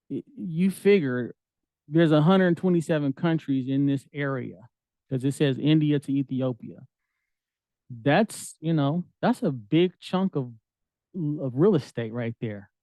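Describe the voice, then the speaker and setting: A man's voice: on the high side, unhurried, darkish tone, no echo. Casual man teaching scripture. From United States. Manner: conversational, street slang, reads scripture aloud. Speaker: Bible teacher.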